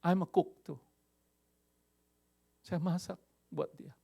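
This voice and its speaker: An older pastor from Indonesia preaching with lively energy. His voice sits a touch high with a gravelly edge. He weaves English phrases into his sermon. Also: slow.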